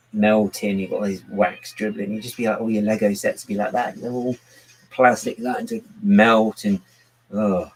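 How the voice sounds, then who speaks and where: A man's voice: on the low side, slight background noise, low-quality recording. A man rambling casually to his livestream chat while he builds, self-mocking and chuckling often. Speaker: livestream host building with bricks.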